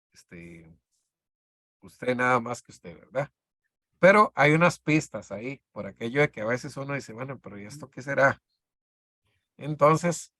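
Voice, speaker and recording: A man teaches a discipleship class in an easy, halting way, often restarting his sentences. His voice is bright and forward. The sound is dry and close. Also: medium pitch, dry recording. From Costa Rica. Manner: halting, many fillers and restarts, conversational.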